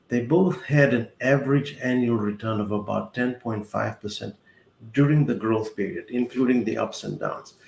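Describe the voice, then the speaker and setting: A man in his sixties from South Africa, a guest accountant explaining finances in a measured way, walking through worked examples. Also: mid-range voice, gravelly, darkish tone. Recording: roomy echo with faint ambient noise.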